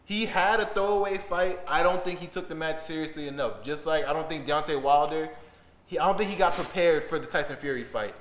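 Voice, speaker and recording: A young man co-hosting a casual sports podcast, excitable and quick to laugh, often trailing off into fillers. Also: a little high. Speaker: podcast co-host.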